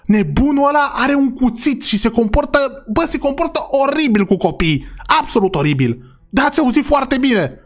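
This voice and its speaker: A man playing a father in a role-play game, talking excitably and often saying "God forgive me". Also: extremely high pitch.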